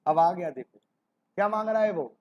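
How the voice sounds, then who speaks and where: High-voiced accounting teacher. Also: male voice, moderate pace, dull audio, slight background noise. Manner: fond, calls students "beta ji", rhetorical questions. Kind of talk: classroom accounting lesson.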